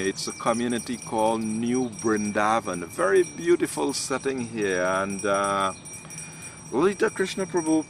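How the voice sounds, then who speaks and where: A man hosting an interview, asking questions in a measured way with hesitant restarts. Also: medium pitch, fairly bright tone. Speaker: host. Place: outdoors, in hills. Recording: noisy outdoor recording.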